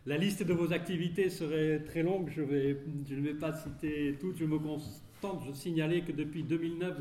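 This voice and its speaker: A man hosting a public event introduces a guest speaker, often pausing mid-phrase in a hesitant way. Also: fairly high pitch, dark tone. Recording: echoey room, faint noise.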